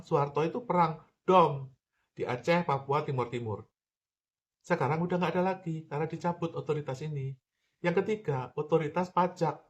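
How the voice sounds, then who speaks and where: Guy doing a political rant monologue, kinda high voice, keeps repeating himself and asking ya kan. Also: muffled recording. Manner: emphatic, repeats points, addresses listener directly.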